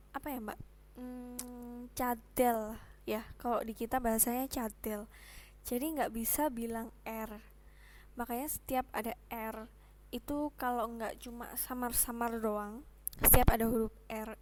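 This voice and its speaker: In a relaxed online lesson, a young woman teaches English pronunciation in a slightly high, slightly mellow voice. She takes her time, explaining patiently and adding chatty side remarks.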